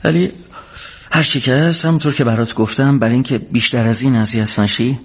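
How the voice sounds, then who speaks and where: A soothing, caring partner. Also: male voice, mid-range voice, breathy edge. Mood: gentle. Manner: soothing and reassuring. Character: caring young man comforting his partner. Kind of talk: dubbed film acting.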